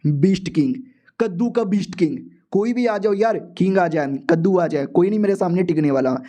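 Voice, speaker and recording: A fearless beast-slayer who swaggers and curses as he boasts, as a man puts him on. His voice is warm and fairly high. This is a manga-recap figure. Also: a little fast, close to an everyday voice. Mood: swaggering. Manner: crude, swaggering.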